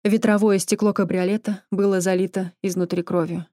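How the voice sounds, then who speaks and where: A woman narrating an audiobook in the first person with a measured, even reading. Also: mid-range voice, no room sound, clean studio sound.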